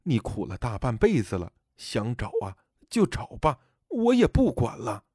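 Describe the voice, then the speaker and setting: A man voicing the grieving spirit of a dead elderly mother, speaking softly and sorrowfully. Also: mid-range voice, wildly swooping pitch, unhurried, husky, no echo, clean studio sound, pitched below the performer's own voice, heavily acted. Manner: soft, sorrowful pleading.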